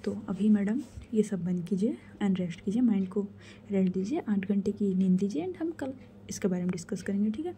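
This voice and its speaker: Give me a woman doing a caring young woman in whispered role-play, soft and reassuring, with a very dark, mellow voice. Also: mid-range voice, expressive, a little fast, a little hiss or hum, close to an everyday voice. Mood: gentle. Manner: gentle, reassuring.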